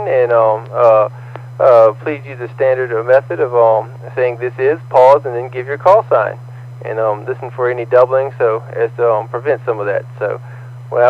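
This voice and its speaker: Man on a tinny ham radio transmission. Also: mid-range voice. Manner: halting, many ums and uhs. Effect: heard over a ham radio transmission. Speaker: net control operator of a ham radio net. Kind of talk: ham radio net check-ins and trivia.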